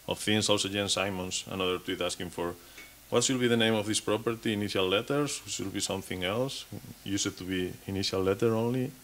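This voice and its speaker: A man in his thirties gives a technical conference talk on stage at a podium mic, frequently restarting and repeating words. His voice is lowish and fairly bright, with a little hiss or hum in the recording.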